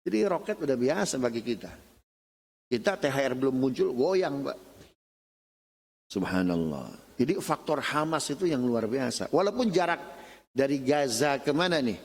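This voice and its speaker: A middle-aged Indonesian man giving a casual religious lecture at a mosque, telling lively stories and addressing his listeners directly. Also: medium pitch, brisk, slightly rough. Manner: animated storytelling, often addressing listeners as "Pak". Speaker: lecturer at a mosque study session. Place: mosque hall. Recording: long reverb of a mosque hall.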